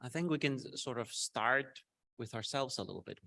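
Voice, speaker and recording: A man from Iceland speaking on a panel, relaxed and telling anecdotes with a few fillers. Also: medium pitch, a little fast, vocal fry, slight background noise. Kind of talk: panel discussion answer.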